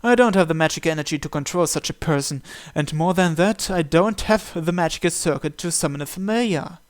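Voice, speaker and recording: Hosting a gaming series, a man with a somewhat high voice reads aloud first-person narration from a visual novel. He moves briskly through the script, line by line.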